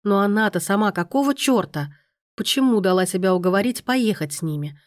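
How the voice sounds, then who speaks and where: A woman's voice: mid-range voice, lively intonation, fairly quick, dry recording, clean studio sound. A woman narrating a story aloud in a wry, sardonic manner. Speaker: audiobook narrator. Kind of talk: scripted narration.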